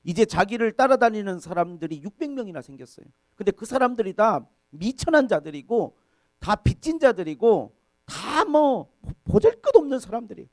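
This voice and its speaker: A man's voice: high-pitched, big pitch swings, normal speed, darkish tone, no echo. A male pastor delivering a sermon in a church, his voice rising sharply on points of emphasis.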